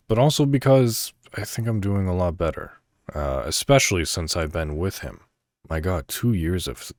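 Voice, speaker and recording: On his solo podcast, a man with a low voice talks in a casual, conversational and somewhat rambling way, reading articles aloud. The recording is dry and studio quality.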